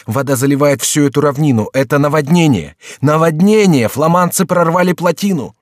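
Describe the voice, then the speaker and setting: Man reading as a desperate young count, high strained shouts, loud and pleading, dry close sound. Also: normal speed, dry recording, natural voice. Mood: frantic. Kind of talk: audiobook character reading.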